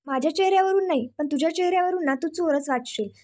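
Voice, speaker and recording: A woman reading the part of a boastful young man who keeps bragging and snapping at the woman with him. His voice sits high and light. The lines come across as quoted dialogue inside a spoken episode recap. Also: fast, darkish tone. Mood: bossy. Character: proud quarrelsome rich young man.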